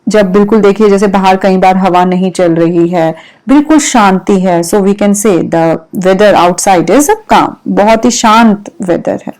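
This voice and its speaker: An Indian woman teaching English words to young pupils at an unhurried pace. She spells each word letter by letter and explains the meaning patiently, in a voice of middle pitch. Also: darkish tone, poor audio. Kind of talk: vocabulary lesson mixing English and Hindi.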